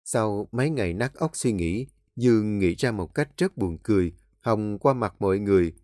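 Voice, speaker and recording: A man narrating an audiobook in a steady storytelling manner. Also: on the low side, moderate pace, no echo, clean studio sound.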